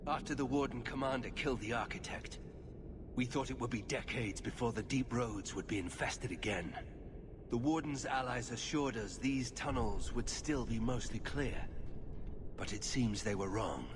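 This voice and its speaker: Solemn, measured warrior played by a man. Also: medium pitch, natural voice. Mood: grave, guarded. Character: grave, guarded male Grey Warden warrior. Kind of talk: video game voice acting. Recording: clear background ambience noise.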